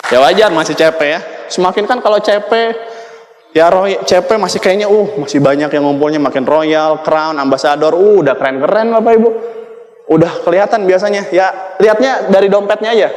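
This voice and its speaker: A man gives a motivational talk to a sales audience and keeps asking the crowd questions. His voice sits high for a man. It rings with long reverb in a large hall. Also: fairly even intonation, brisk. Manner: addresses the crowd with rhetorical questions. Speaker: motivational speaker at a sales event.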